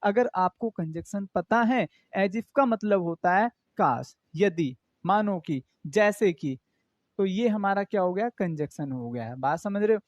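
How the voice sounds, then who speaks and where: A man's voice: high-pitched, expressive, measured pace, dry recording, highs cut off. A man teaching an exam-prep English grammar class, explaining in with English terms and asking his students questions again and again.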